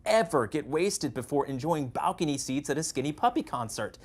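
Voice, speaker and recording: An actor playing a flippant, wordy dead best friend haunting a coffee pot in a comedy drama. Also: male voice, a little high, sing-song, brisk. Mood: glib, explaining. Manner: flippant, chatty, theatrically wordy. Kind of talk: comedic audio-drama dialogue.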